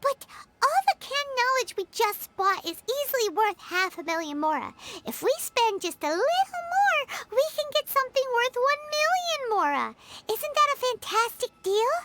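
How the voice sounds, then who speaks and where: A woman voicing a tiny, excitable fairy companion who talks about herself in the third person, in a video game. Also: very high voice, normal speed, very noisy. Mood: excited.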